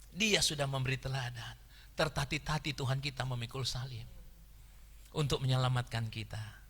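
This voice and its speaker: A middle-aged man preaching a sermon as pastor, animated, moving between hushed asides and loud exclamations. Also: mid-range voice, slightly rough. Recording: reverberant church hall.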